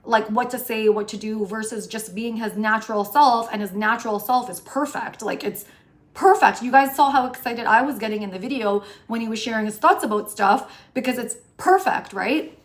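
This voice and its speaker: A woman in her late thirties, a relationship coach, talking to her viewers in an animated, chatty way and often asking "right?". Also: a little high, normal speed. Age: 30s. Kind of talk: casual chat to camera.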